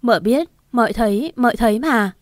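A woman's voice: a little high, lively intonation, a little slow, no room sound, clean studio sound. A woman storyteller voicing the tearful, pleading spirit of a young mother, in a choked, sobbing voice. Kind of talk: audiobook story reading.

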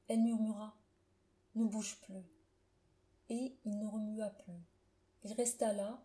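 A woman narrating a classic short story in a measured, solemn literary reading. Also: a little high, dark tone.

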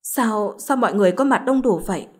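A woman voicing a spoiled, vicious young woman who turns from pleading to threats, in a husky voice. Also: mid-range voice, animated, a little fast, darkish tone. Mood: anxious pleading. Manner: shifts between pleading and snarling threats.

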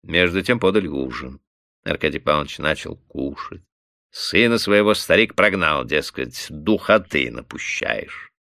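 Expressive male audiobook narrator. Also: a bass voice, gravelly, no echo, clean studio sound. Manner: expressive, measured storytelling. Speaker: audiobook reader. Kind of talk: scripted narration.

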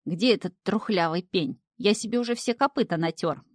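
Woman putting on a squeaky imp in disguise. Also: moderate pace, no echo, clean studio sound, natural voice. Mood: grumbling. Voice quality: squeaky, thin. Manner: coy, wheedling, fussy.

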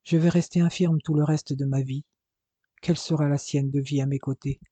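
A man's voice: a little high, fairly even intonation, normal speed, mellow, dry recording, lightly acted. A man voicing a young man crippled after an accident, grave and bitter, in an audiobook.

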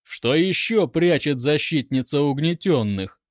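A man's voice: fairly high pitch, animated, a little slow, dry recording, clean studio sound. A man doing a sneering arrogant lieutenant. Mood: mocking, commanding. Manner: mocking, commanding.

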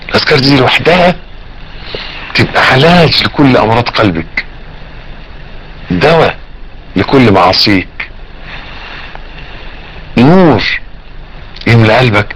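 A man with an Egyptian Arabic accent preaching a sermon, drawing out repeated phrases softly and rising to emphatic exhortation. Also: mid-range voice, sing-song, a little slow, long pauses, a little hiss or hum, rough recording.

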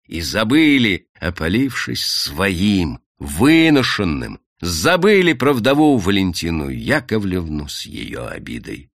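Slow, expressive male audiobook narrator. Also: fairly low pitch, dry recording, studio quality.

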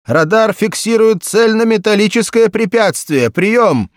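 A man voicing a tense young male pilot shouting urgent radio calls, raised well above his own voice. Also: high voice, expressive, a little slow, no echo, clean studio sound, pitched above the performer's own voice.

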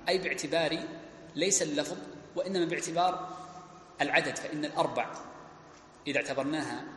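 A man teaching a classical religious text, explaining point by point and repeating key phrases. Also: on the high side. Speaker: Islamic scholar teaching a text. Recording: echoey hall with faint background noise.

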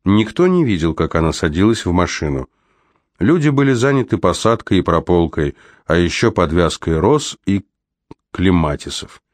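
A man narrating an audiobook in a calm, measured reading, recorded in a studio. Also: sits low, no room sound.

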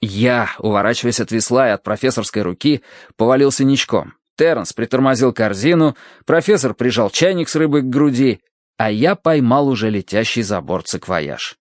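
A man reading an audiobook in lively, expressive comic storytelling. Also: mid-range voice, moderate pace, no echo, studio quality. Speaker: audiobook narrator. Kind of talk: scripted narration.

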